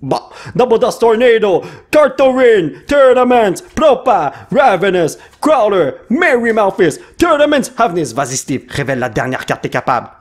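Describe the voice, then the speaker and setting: A man gives casual unboxing commentary. His pitch swings widely as he reads out card names and breaks into excited English exclamations. The tone stays chatty and lively throughout. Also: moderate pace. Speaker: YouTuber opening cards.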